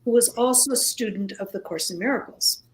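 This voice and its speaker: This is a woman whose mother tongue is Greek, a guest in a casual radio talk, speaking slowly with lots of hesitation, pauses, and restarts. Her pitch leans high, and the recording quality is low.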